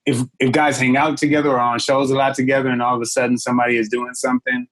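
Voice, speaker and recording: A man's voice: medium pitch, flat delivery, fast talker, a bit bright. A man who is a comedian guest, chatting casually on a podcast with many fillers and restarts.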